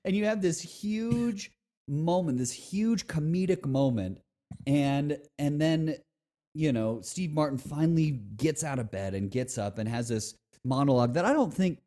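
A man co-hosting a casual movie discussion, animated, laughing often and swearing freely. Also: a little high, unhurried.

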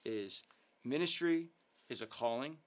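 Hosting a live youth ministry talk show, this man speaks at medium pitch, animated but unhurried. He leads the ministry and comes across upbeat and earnest, dropping plenty of ums and uhs as he gives updates and a devotional.

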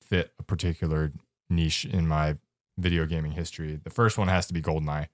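A man co-hosting a casual gaming podcast, reminiscing in a relaxed, unhurried way. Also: rumbling low, dry recording, studio quality. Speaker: podcast co-host. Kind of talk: casual chat.

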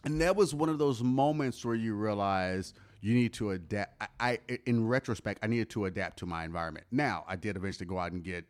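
A middle-aged man co-hosting a podcast, telling stories in a loose, animated way, swearing and acting out other people's voices. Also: fairly low pitch, a little fast, few pauses. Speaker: podcast co-host. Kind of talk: casual chat, storytelling.

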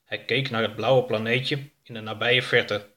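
Man narrating a storybook with a lively voice, bright and clear. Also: medium pitch, unhurried.

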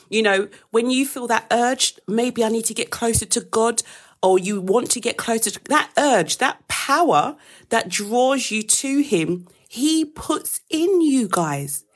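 A croaky, slightly high-voiced woman leads a live daily devotional, opening with prayer before teaching a Bible verse in a relaxed, conversational style.

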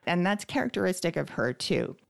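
A woman co-hosting a podcast, telling a family story in a wry, unhurried way. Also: on the low side, sing-song, creaky. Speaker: podcast co-host. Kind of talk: casual storytelling chat.

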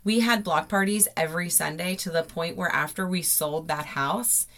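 A woman's voice: lowish voice, normal speed, a bit bright. An American woman podcasting from inside a closet, telling personal stories in a casual, gushing, informal way. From South Florida, United States. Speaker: podcast host. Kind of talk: casual, chatty personal storytelling.

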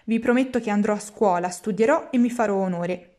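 A woman's voice: medium pitch, brisk, mellow, lightly acted. A woman voicing a whiny, hungry wooden puppet boy who pleads and complains. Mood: pleading sobbing. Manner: whining, petulant pleading.

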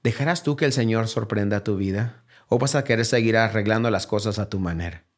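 Speaking a little fast, a man preaching as a pastor presses his message with repeated rhetorical questions. He shifts between quiet, low lines and a raised, higher, urgent call.

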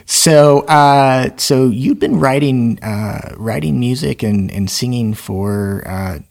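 A man hosting a studio podcast interview, friendly and halting, with many fillers and restarts. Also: medium pitch, gravelly, a little mellow. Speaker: podcast host. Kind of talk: casual interview.

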